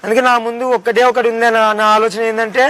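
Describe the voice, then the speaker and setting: A man's voice: very high-pitched, level tone, racing, a crowd in the background. A young man pulling a prank, playing a heartbroken guy and pleading with repeated questions, recorded outdoors on a street. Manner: pleading, keeps asking questions, repeats himself.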